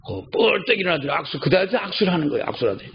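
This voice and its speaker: A man's voice: high voice, very animated, rapid-fire. An older man pastor preaching a sermon in a church, telling stories and repeating key phrases for emphasis. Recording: slightly dull recording, faint background noise.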